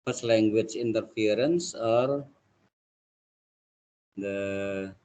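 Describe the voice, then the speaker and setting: An Indonesian man, a native speaker with an Indonesian accent, gives a linguistics lecture to a class in a halting manner, often using the filler "let's say, like." His voice is on the low side and mellow.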